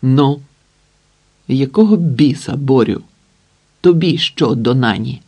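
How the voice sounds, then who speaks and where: A man's voice: medium pitch, lively intonation, takes it slowly, a little mellow, breathy edge, heavily acted. A man voicing a blunt, cocky young mechanic who talks curtly in slang.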